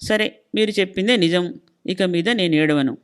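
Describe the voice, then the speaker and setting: A woman voicing a soft-hearted middle-aged wife who speaks gently and pleadingly. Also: on the low side, moderate pace, clear, resonant tone, lightly acted. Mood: pleading gentle.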